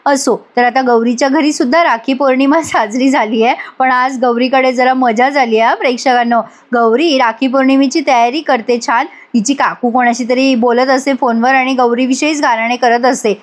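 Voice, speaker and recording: High-voiced woman narrating a TV recap. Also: steady tone, moderate pace, hardly any pauses. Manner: chatty, addresses viewers directly. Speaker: TV episode reviewer. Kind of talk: voice-over episode recap.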